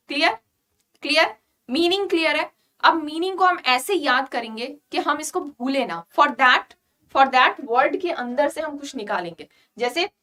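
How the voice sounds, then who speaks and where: A woman with an Indian accent teaching an exam-prep vocabulary lesson, mixing Hindi and English and often checking "clear?". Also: sits high. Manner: lively, repeats "clear?" to check understanding. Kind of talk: online class lesson.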